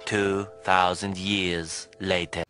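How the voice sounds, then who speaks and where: A deep dragging announcer. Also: female voice, level tone, fairly bright tone, slight background noise, exaggerated voice. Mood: ominous. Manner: drawn out, very slow. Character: slowed-down deep announcer voice gag. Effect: pitched-down slow-motion edit.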